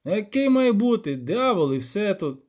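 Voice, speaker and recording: A man voicing a gruff, hesitant peasant village elder who rambles in folksy country speech. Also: high-pitched, sing-song, measured pace, darkish tone, voice pushed up. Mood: rambling.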